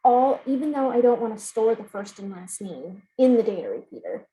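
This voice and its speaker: A woman speaking as a remote attendee over a video call, asking a hesitant, halting question during a live Q&A. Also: on the high side, expressive, dark tone, slightly rough, poor audio. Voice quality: call audio breaking up at times. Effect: remote caller's voice over a video call. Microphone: computer or headset mic on a video call.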